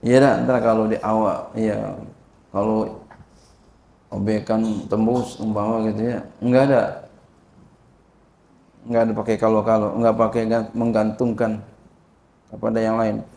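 A man teaching an informal religious lesson, slowly explaining a classical text, checking understanding and chanting Arabic phrases. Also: level tone, vocal fry, dark tone. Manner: slow and repetitive, frequent "ya" and "paham?" checks, chants Arabic phrases higher. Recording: echoey room.

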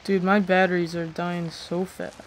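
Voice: medium pitch, level tone, normal speed, rough recording. A gaming host giving casual, jumpy reaction commentary on a horror game, repeating phrases when startled. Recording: clear game noise behind voice.

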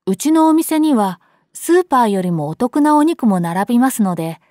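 A woman voicing a cheerful young male butcher's salesman with brisk, polite patter in an acted story. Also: on the high side, lively intonation, warm tone, dry recording, studio quality, voice pushed up, close to an everyday voice.

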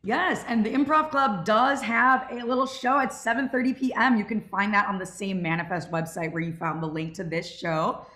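Bright and forceful, a young woman's medium-pitched voice moves at normal speed with few pauses in an echoey room. She's the casual Q&A moderator for a student audio drama club, speaking on a group video call from home through a video call microphone.

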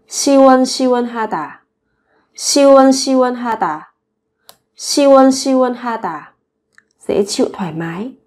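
A woman teaching vocabulary, saying each word slowly several times and then explaining it. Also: mid-range voice, darkish tone. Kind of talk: slow vocabulary drill with repetition.

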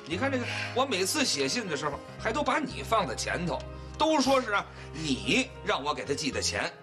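A man's voice: sits high, sing-song, fairly quick. An actor playing a meek older husband who patiently explains and pleads with his wife. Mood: pleading. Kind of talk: TV sitcom acting. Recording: TV drama with background music. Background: background music.

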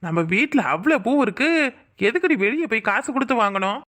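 A teasing young village husband banters playfully, as a voice actor plays him. His voice is bright and light. He dotes on his wife in a cartoon scene. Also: medium pitch, expressive, fairly quick, natural voice. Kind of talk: cartoon voice acting.

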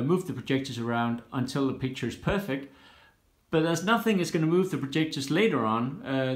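A man talks through his do-it-yourself project in a casual walkthrough, stopping often with small "uh" pauses as he explains. His voice sits at an ordinary middle pitch. The handheld phone picks him up in a bare, roomy space that echoes around him. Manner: explains steps plainly with many "uh" pauses. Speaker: home cockpit builder. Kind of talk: casual build-log walkthrough. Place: indoors in a home workshop room. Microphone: handheld phone camera. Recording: roomy echo in a bare room.

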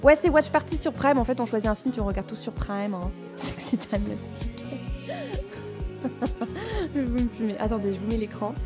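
A woman streamer chatting casually while playing a game, excitable and slangy, laughing often and thanking her chat. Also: fairly high pitch, quick pace. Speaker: Twitch streamer. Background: faint game music.

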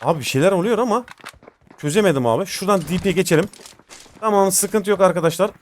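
Young male gamer, high voice, casual slangy live commentary for viewers, slight background noise. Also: quick pace. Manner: informal, slangy, addresses viewers as friends. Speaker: gaming video host.

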